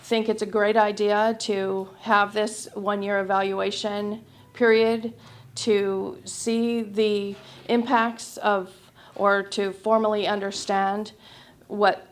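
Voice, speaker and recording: A woman wildlife biologist giving polite, measured public comment at a city meeting. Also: mid-range voice, level tone. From United States.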